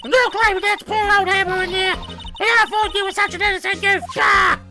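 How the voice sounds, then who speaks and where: A woman's voice: extremely high pitch, fairly even intonation, brisk, vocal fry, voice pushed up. A woman voicing a cranky old woman guard who scolds and rants in a screechy voice. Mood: ranting, scolding. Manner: scolding, ranting. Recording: game music behind.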